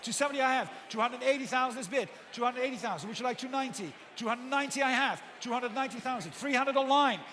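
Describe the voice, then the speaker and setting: A male auctioneer with a very high-pitched voice rattles through bids at a quick clip. He repeats the numbers insistently and courteously prods the bidders for more. His voice rings out across a big, reverberant hall. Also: sharp tone. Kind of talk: live auctioneer bid calling. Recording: echoey hall PA with background noise.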